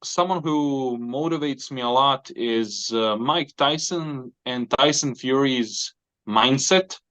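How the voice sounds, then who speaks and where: A man from Croatia, a guest giving measured, thoughtful answers in a casual interview. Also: medium pitch, a bit bright. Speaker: podcast guest, arm wrestler. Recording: dull, dry, lo-fi sound.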